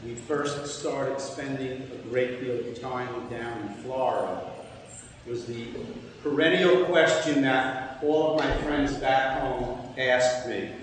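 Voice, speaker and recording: A man's voice: medium pitch, takes it slowly. An older man from New York, chatty and joking, introducing a speaker to an audience. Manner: chatty, joking, brief laughs. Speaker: event host. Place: large hall with an audience. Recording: echoey hall, mic from far off, noisy.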